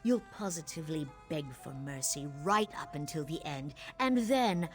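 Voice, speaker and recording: A woman's voice: deep voice, expressive, moderate pace, faint music behind. Haughty, theatrical usurper queen. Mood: seductive menace. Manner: imperious, mocking, theatrical. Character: haughty, scheming usurper queen, cruelly seductive and dismissive. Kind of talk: dramatic fantasy video game acting.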